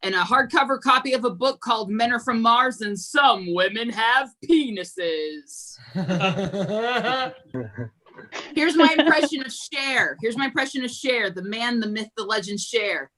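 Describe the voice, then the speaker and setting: Over a video call, a woman does stand-up one-liners at an online open mic. Her delivery is slow and deadpan, with giggles between jokes and a slightly high pitch.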